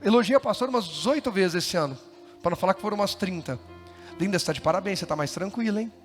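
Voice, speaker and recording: Brief: middle-aged Brazilian pastor, high tenor-ish voice, fervent sermon style, soft music underneath. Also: male voice, very fast. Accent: Brazilian Portuguese. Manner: animated preaching, shifts from chatty asides to loud fervor. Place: church.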